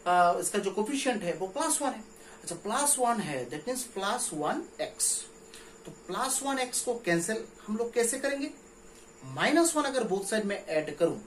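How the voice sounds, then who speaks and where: A man teaching a maths lecture, walking through each step and often checking understanding with rhetorical questions. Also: sits high. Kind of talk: recorded classroom lecture. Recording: echoey room with faint ambient noise.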